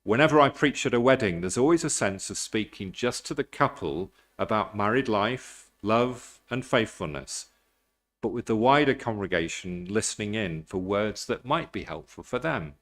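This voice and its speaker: A clergyman giving a measured, formal address. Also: lowish voice, animated, a bit bright.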